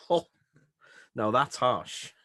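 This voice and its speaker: A man's voice: mid-range voice, lively intonation, drawn-out words, a bit bright, no echo, studio quality. A man co-hosting a podcast, chatting casually, laughing and swearing as he talks. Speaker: podcast co-host.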